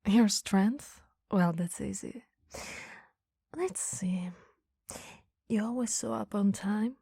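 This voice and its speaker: In a flirty ASMR roleplay, a woman plays a coy, flustered female boss, whispering softly and breathily in a teasing, hesitant way that sounds flirty and admiring. Her pitch is medium, and the studio-quality recording has no echo.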